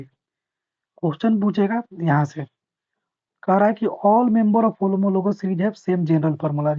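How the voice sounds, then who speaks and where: A man teaching a chemistry revision class. He explains patiently, repeats key points, reads English definitions slowly and asks his students whether they understood. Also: on the high side. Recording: dull lo-fi recording.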